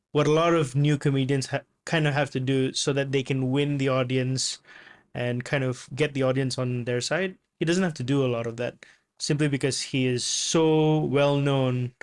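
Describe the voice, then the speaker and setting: A man giving casual reaction commentary on a comedy clip, relaxed and chatty, laughing often. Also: mid-range voice, moderate pace.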